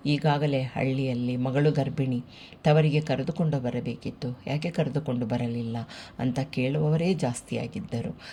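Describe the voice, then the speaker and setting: A steady, unhurried audiobook narrator reading a family novel. The voice sits at a middle pitch with a dark, mellow colour. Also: slight background noise.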